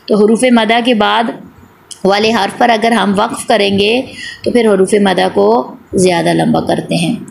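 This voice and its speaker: A woman's voice: mid-range voice, vocal fry, slight background noise. A woman teaching Quran recitation in an online class, patiently repeating each point, asking and answering her own questions, and drawing out vowel sounds to demonstrate. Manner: draws out the long vowel sounds when demonstrating.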